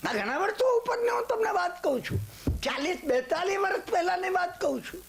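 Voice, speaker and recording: Older preacher, very high voice, emphatic and questioning, faint tape hiss. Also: male voice, lively intonation, fairly quick, vocal fry. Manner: emphatic, swings between low and high exclamations, asks the audience questions. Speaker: Jain religious speaker. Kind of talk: sermon.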